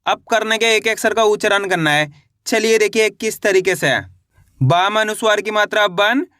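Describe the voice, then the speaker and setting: A man teaching reading in a video lesson, drilling each sound with repeated questions and slow model words. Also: high-pitched, bright, forceful tone, no echo, clean studio sound. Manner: repetitive call-and-response drilling, drawn-out model words. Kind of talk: classroom-style video lesson.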